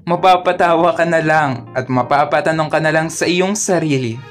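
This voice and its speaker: A man's voice: a little high, normal speed. A man with a Filipino accent telling embarrassing stories in a playful, self-mocking narration for his cartoon. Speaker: animator and narrator. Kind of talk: comedic storytelling narration. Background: soft music.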